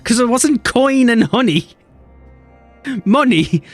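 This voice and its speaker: A man with a very high-pitched voice streams a game, chatting casually, swearing and bickering in quick, animated banter with chat. Soft music plays in the background.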